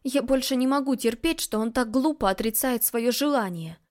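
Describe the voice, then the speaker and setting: A woman reading a romance novel aloud as a first-person narrator, in a steady, intimate storytelling manner. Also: a little high, normal speed. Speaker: audiobook narrator.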